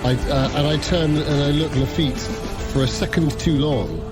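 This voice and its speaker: Мужчина за игрой, запинается, громкая музыка. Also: male voice, on the high side, steady tone, normal speed. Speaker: player in a tabletop role-playing game. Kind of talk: casual in-character description at a game. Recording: loud music bed under the talk. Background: music.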